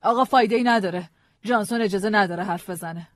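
With a mid-range, slightly mellow voice near her everyday one, a woman reads a dry audiobook drama as a guarded, scared wife. Her anxious delivery is hesitant and full of pleading, with no echo.

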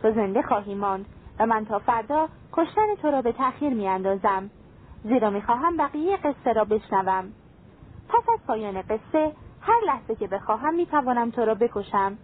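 A woman's voice: a little high, animated. A woman voicing a stern male king who speaks in a cold, commanding way, over a tinny phone-like line.

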